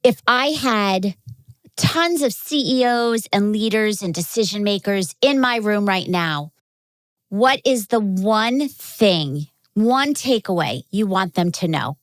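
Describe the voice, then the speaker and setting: A woman's voice: medium pitch, animated, slow, dry recording. A woman hosting a podcast interview, encouraging and affirming her guest. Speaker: podcast host.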